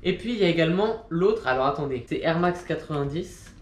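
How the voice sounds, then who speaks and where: A man's voice: a little high, animated, brisk. A man in his twenties vlogging casually about sneakers, rambling and joking at his own expense. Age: 20s. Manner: rambling, chatty, self-mocking asides. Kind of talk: casual vlog chat. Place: indoor room with a machine running. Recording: echoey room recording. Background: machine noise and soft music.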